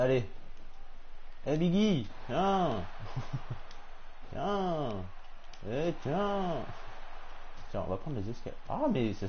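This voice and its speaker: A man giving casual live commentary on a wrestling game, talking excitedly to the opponent on screen. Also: on the low side, a little hiss or hum. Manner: excitable, talks to the opponent, frequent exclamations. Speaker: gamer streaming a wrestling game. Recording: slightly dull lo-fi stream audio with faint game sound.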